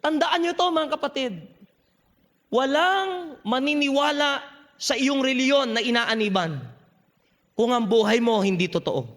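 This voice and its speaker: A man with a very high-pitched voice delivers a sermon, pressing his listeners with rhetorical questions. His words ring out with a long reverb, as if in a large camp hall. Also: unhurried, pauses often, a bit bright. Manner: emphatic preaching with frequent rhetorical questions to the audience. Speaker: pastor preaching at a youth camp.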